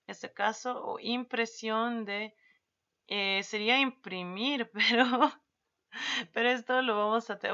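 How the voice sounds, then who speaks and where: Gravelly, bright-voiced woman teaching spelling. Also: medium pitch. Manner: stretches words slowly to show their spelling. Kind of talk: spelling lesson. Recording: dull lo-fi sound.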